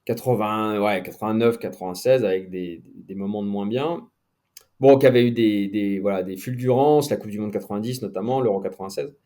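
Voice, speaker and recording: Middle-aged male journalist guest, relaxed dark tone, halting casual delivery. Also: on the low side. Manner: hesitant, many fillers and restarts. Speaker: sports journalist, podcast guest. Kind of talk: casual conversational interview.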